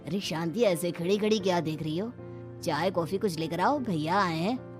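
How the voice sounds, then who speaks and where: A woman's voice: on the low side, moderate pace, faint music behind, lightly acted. A woman voicing a plain-spoken village husband in a cartoon story. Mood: nagging. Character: village husband, agreeable to elders, nagging his wife.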